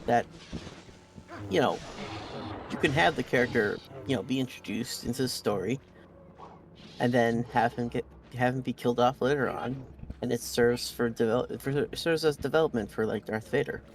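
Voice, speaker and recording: A man giving casual game commentary, thinking aloud in a halting way. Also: mid-range voice, a little hiss or hum. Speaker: let's play commentator. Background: game music and effects.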